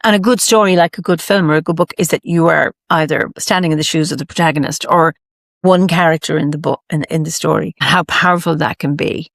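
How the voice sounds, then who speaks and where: An Irish woman storyteller talking reflectively in a lilting, emphatic way, with thoughtful, deliberate pauses. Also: deep voice, steady tone, gravelly, dry recording, clean studio sound. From Ireland. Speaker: storyteller, interview guest. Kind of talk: reflective conversational storytelling talk.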